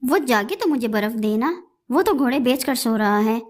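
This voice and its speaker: A woman's voice: on the high side, lively intonation, normal speed. A woman voicing a clever, hardworking little female sparrow in a cartoon, calling out impatiently.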